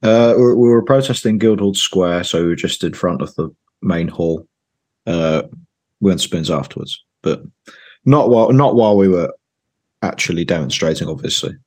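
A man with a hoarse voice chatting casually as a podcast guest, often repeating his words as he goes. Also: deep voice, expressive, normal speed, darkish tone. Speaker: podcast guest, football fan and reporter. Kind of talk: casual chat.

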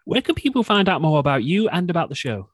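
A man's voice: a little high, sing-song, quick pace, no room sound, clean studio sound. A man hosting a chatty interview, asking guests questions in a conversational style. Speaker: interviewer and host.

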